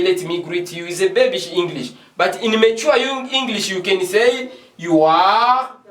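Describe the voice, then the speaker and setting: Man, English teacher at a board, high voice, unhurried, repeats phrases; echoey room, distant mic. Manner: repeats phrases slowly, switches between French and English. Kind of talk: classroom lesson at a board. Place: classroom with a board.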